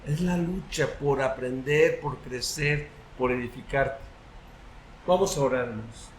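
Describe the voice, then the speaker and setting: A man's voice: medium pitch, measured pace, echoey room, slight background noise. A man preaching a sermon as pastor, earnest and direct, quoting imagined listeners and closing in prayer. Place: church hall.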